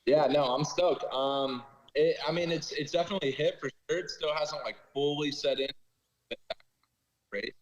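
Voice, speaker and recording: A man's voice: on the high side, normal speed, a little hiss or hum. A young man, an off-road racer, talking casually and rambling with fillers over a video call whose audio sounds echoey and muffled, as if he were in a cave. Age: young adult. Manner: laid-back, rambling with fillers.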